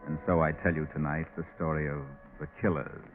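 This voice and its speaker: An actor playing an ominous, mysterious night-walking storyteller, narrating theatrically in 1940s radio style. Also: male voice, rumbling low, level tone, a little fast. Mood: ominous, brooding. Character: the Whistler, ominous mysterious male storyteller who walks by night. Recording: tinny 1940s radio broadcast. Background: music.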